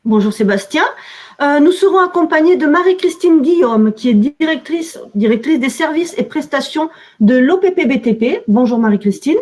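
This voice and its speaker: Webinar host, woman, southern French accent, high voice, measured delivery with fillers. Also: lively intonation, a little mellow. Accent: southern French, Midi-Pyrénées. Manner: measured, with frequent "alors" and "euh". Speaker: webinar moderator, communications officer. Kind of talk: webinar introduction.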